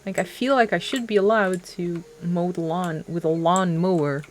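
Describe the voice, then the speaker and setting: A woman's voice: lowish voice, moderate pace. A young adult woman streaming a game, chatting in a rambling, self-mocking way and laughing often. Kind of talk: casual gameplay commentary.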